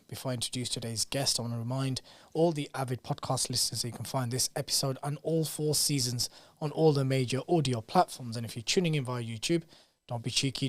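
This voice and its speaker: A man's voice: mid-range voice, dry recording. A man hosting a podcast, opening with a scripted welcome and guest introduction in a playful, teasing way. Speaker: podcast host. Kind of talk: scripted podcast intro, then casual chat.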